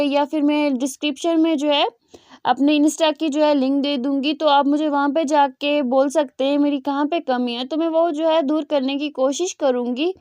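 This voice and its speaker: A woman's voice: sits high, darkish tone, dry recording, clean studio sound. A woman host casually retelling a story to her channel viewers, with many filler words. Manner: fillers, repeats "jo hai" a lot.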